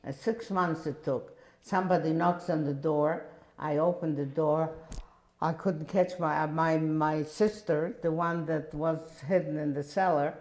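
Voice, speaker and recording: An elderly woman with a Polish accent recounts her past in halting, emphatic bursts, often circling back to restart a thought. Her voice carries a noticeable echo, as if the room around her is large and bare. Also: low-pitched, fairly even intonation, a little mellow. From Poland. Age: 80s. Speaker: guest speaker. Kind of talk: personal testimony.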